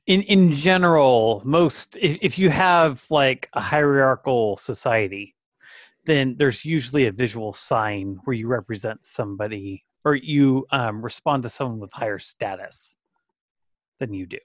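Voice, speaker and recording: A man's voice: medium pitch, unhurried, no room sound. A man playing in a tabletop game, chatting casually and hesitantly with many fillers. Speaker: player.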